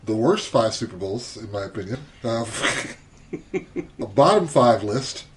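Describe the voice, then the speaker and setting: A man co-hosting a casual sports podcast, relaxed and hesitant with many filler sounds as he runs through a list. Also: fairly low pitch, measured pace, noisy background. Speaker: podcast co-host.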